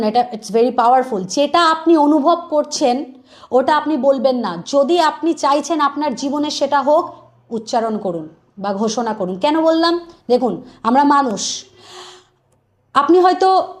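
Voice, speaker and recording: A woman's voice: sits high, darkish tone. A woman preacher giving an earnest, exhorting sermon, slipping English words into her talk.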